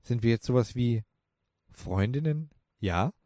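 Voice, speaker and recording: Bridget, a brisk young woman, read by a man. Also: medium pitch, lively intonation, warm tone, dry recording, studio quality, natural voice. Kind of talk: storybook character voice.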